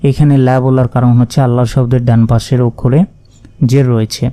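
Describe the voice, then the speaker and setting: A man teaching word-by-word Quran reading, spelling out each letter and vowel mark before slowly joining them into the recited word. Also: mid-range voice, flat delivery, warm tone. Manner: slow, drawn-out recitation of joined words.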